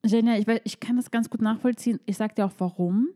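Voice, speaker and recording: A woman co-hosting a relaxed podcast chat, talking at a middle pitch. She talks things through in her own words and tosses in short, quick reactions. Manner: chatty, reacts with short backchannels and quick comments. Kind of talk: casual chat.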